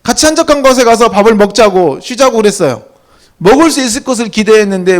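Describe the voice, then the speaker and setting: A middle-aged man, a pastor, preaching a sermon in a conversational, animated storytelling way. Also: sits high.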